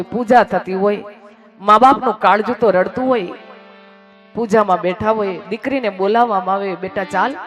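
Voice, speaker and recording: A man giving a devotional storytelling sermon, his speech swelling loud and then dropping almost to a whisper, and repeating phrases in rhythmic lists. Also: high voice. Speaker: katha storyteller.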